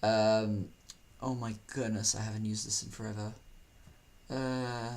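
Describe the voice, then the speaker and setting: Slow-talking man. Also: lowish voice, flat delivery. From South Africa. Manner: rambling, joking, teasing slang. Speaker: YouTuber host. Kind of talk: casual commentary over screen play.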